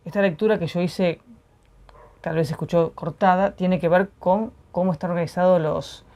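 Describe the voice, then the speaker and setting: A woman, co-hosting a poetry program, reading poems aloud and discussing them in a measured, reflective way. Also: on the low side, steady tone, darkish tone. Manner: reflective, measured, frequent tag questions.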